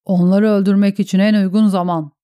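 A woman voicing a stern, blunt female warrior in an audiobook, speaking forcefully. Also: mid-range voice, flat delivery, brisk, close to an everyday voice.

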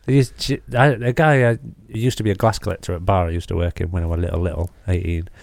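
A young man with a gravelly voice, chatting and telling anecdotes as a sweary podcast host. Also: deep voice, fairly even intonation, quick pace, darkish tone, dry recording. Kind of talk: casual banter and anecdotes.

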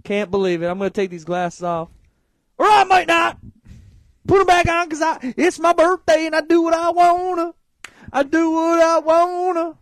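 A man in his early thirties hosts a casual sports talk show, his voice pitched high for a man. He gets loud and excitable and swears freely. The sound is dry and close to the mic. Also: moderate pace, no echo. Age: 30s. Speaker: podcast co-host.

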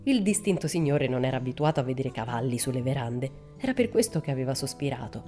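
A woman narrating a children's storybook in a measured, expressive way. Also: a bass voice, soft background music. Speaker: audiobook narrator. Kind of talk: storybook reading.

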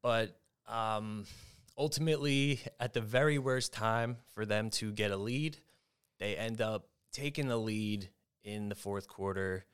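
Excitable male sports podcast host. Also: lowish voice, unhurried, clean tone. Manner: animated storyteller, excitable, mimics shouting. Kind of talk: casual sports betting chat.

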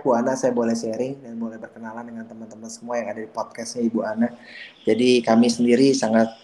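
Appearing on a podcast in a relaxed conversational interview, a man who is a doctor and researcher speaks with a medium-pitched, warm voice. His explanations run long, dotted with hedges and little restarts.

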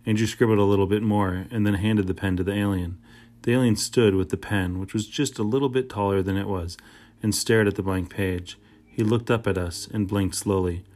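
Man with a lowish voice narrating a children's book. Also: brisk. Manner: steady, plain storytelling, first-person. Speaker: audiobook narrator.

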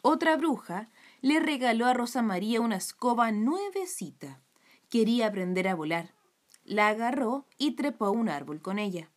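A woman reading a children's story aloud with gentle, expressive storytelling. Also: on the high side, moderate pace.

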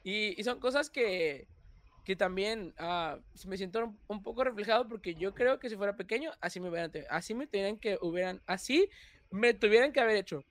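A young man with a Mexican Spanish accent, talking as a guest in a casual interview, animated and quick to laugh. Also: high-pitched, dry recording. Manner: animated, laughs often, restarts phrases. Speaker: YouTuber guest.

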